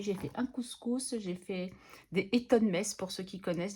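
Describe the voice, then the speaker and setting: A woman's voice: medium pitch, a little mellow, a little hiss or hum. A middle-aged woman chatting casually to camera about budgeting, enthusiastic and laughing often. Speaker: budgeting channel host.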